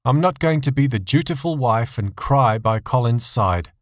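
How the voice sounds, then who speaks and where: Male narrator as scornful wife in an audio drama: cold, accusatory, pitched up from his usual. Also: expressive, normal speed, no echo, clean studio sound, natural voice. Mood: bitter, cold. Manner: cutting, accusatory. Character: bitter, scornful wife refusing all sympathy. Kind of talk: acted dialogue in an audio story.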